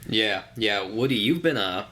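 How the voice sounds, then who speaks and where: Young male co-host, low voice with a bright edge, easygoing explainer. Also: lively intonation, normal speed, slight background noise. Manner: easygoing, explains at length with fillers. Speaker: podcast co-host. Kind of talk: casual podcast chat.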